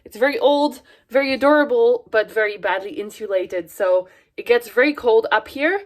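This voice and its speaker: A woman's voice: on the high side, normal speed. Chatty woman, a little breathless. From Netherlands. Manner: chatty, self-deprecating, laughs often. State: slightly out of breath. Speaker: plant channel host. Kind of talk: casual vlog house tour. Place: at home indoors, walking between rooms.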